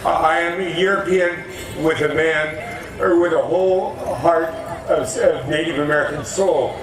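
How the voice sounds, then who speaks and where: Slow, halting man, echoey and distant. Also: a little high, fairly even intonation. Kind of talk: halting formal self-introduction. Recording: echoey, distant mic, music behind.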